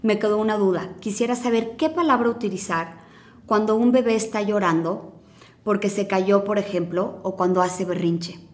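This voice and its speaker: Woman, 30s, podcast host, gentle, reassuring, scripted advice, medium pitch. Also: steady tone, moderate pace.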